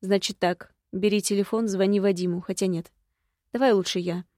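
A stern older woman, a grandmother who takes charge in firm, decisive words, voiced by a woman narrator. Her delivery stays level, with little change in pitch. The sound is dry and close. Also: fairly even intonation, normal speed, warm tone, no echo, lightly acted.

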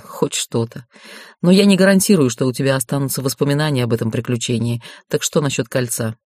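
A man's voice: medium pitch, fairly quick, darkish tone, no room sound, voice pushed down, lightly acted. A woman voicing a wry mocking necromancer groom. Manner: dry mocking teasing. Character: wry scheming necromancer groom, young man. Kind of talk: audiobook reading.

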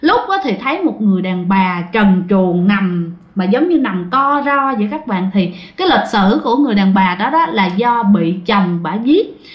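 A woman's voice: medium pitch, big pitch swings, normal speed. A woman who narrates ghost stories in a chatty, casual way and keeps addressing her listeners. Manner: chatty, addresses the audience often. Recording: dull, roomy recording.

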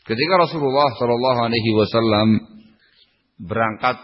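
Male preacher, slightly raspy, animated sermon delivery with sudden loud peaks and hushed asides; dull lo-fi hall recording. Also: brisk. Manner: animated, swings between loud high bursts and low quiet asides. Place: lecture hall. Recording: echoey hall, muffled lo-fi recording.

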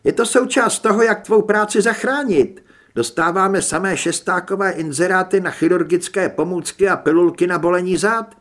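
A man reading an audiobook, voicing a sharp, practical young woman who edits a newspaper. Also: sits high, pitched above the performer's own voice. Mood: insistent.

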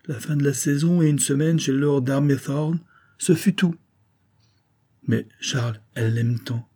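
A man voicing a gentle, elegant middle-aged noblewoman who pleads and reproaches in an audiobook. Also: medium pitch, a little slow, pitched above the performer's own voice, lightly acted. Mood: pleading. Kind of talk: audiobook character voice.

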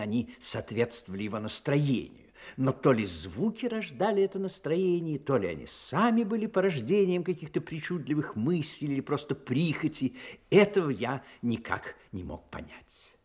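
A genial retired army doctor in a radio play, with a slightly husky voice that swings widely in pitch. He is courteous and confiding, an expressive theatrical storyteller who is fond of his friend but easily piqued. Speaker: narrator and character in an audio play.

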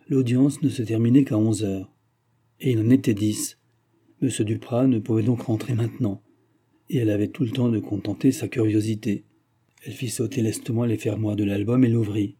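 Man, audiobook narrator, measured delivery, very dark tone, husky voice. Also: on the low side. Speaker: audiobook reader.

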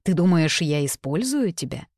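A cocky young man who teases and provokes, read by a woman. His lines come in a low, mocking voice, close and dry, with no room around it. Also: very animated, moderate pace, a little mellow, dry recording, full character voice. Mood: defensive.

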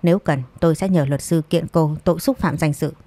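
A man's voice: fairly high pitch, a little fast, dark tone, dry recording, natural voice. A woman voicing a cold, composed young man who speaks with icy firmness, in a storybook reading. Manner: icy, firm.

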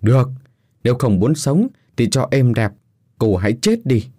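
A man's voice: mid-range voice, very animated, normal speed, dark tone, dry recording, studio quality. A man playing a cruel, cold husband who speaks in harsh, commanding threats.

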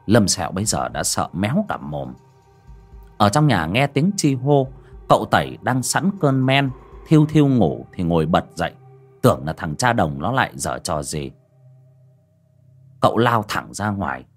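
A man narrating a horror story in a dramatic, animated manner. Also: sits low, normal speed, faint music behind. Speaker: audiobook narrator.

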